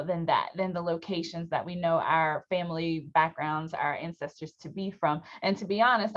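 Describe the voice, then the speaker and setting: A woman leading a student workshop over a video call, explaining in a conversational way with fillers. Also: mid-range voice. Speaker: workshop facilitator. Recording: dull lo-fi call audio.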